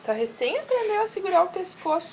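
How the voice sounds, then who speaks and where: A woman's voice: extremely high pitch, sing-song, fast talker, darkish tone. A woman cooing affectionately at a baby in a home video. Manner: affectionate, sing-song cooing. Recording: home video with background noise.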